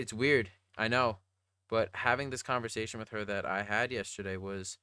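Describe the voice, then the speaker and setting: A young adult man vlogger with a slightly raspy, lowish voice and a sharp tone talks casually and earnestly in a rambling, slangy video diary. There's no room sound.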